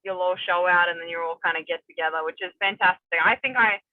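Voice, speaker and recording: A woman's voice: lowish voice, fast, no echo. Young woman fighter from New Zealand, chatty and rambling, heard over a phone-thin video call. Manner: rambling, many fillers and restarts. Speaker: MMA fighter, guest. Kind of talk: casual interview chat. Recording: tinny phone-like remote call, dry.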